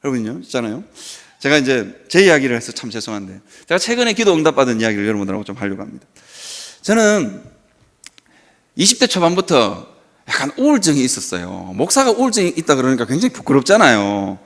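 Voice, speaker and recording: A man's voice: mid-range voice, sing-song, fast, fairly bright tone. A male pastor preaching a sermon at a Friday worship service in a church. He tells stories with animation and asks rhetorical questions.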